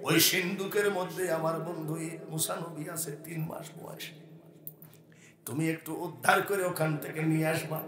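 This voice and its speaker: A man with a Bangladeshi Bengali accent preaching a waz sermon, telling stories in an animated way, soft asides giving way to shouted and sung lines. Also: fairly high pitch, moderate pace, reverberant.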